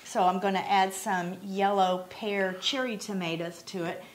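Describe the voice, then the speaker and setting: A middle-aged woman talks through a home recipe in an easy, explanatory way. Her voice sits at a middle pitch. A faint hiss runs under the kitchen recording. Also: fairly even intonation, a little slow. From Oklahoma. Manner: chatty and explanatory. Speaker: cooking channel co-host. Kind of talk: casual cooking chat.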